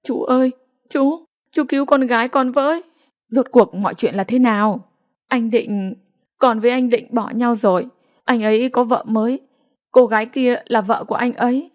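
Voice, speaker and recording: Vai: một phụ nữ đọc người vợ trẻ tuyệt vọng van xin, giọng cao vút. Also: female voice, on the high side, fairly even intonation, moderate pace, a little mellow, no echo, clean studio sound, natural voice. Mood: pleading. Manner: desperate and pleading. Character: battered young wife pleading for her child.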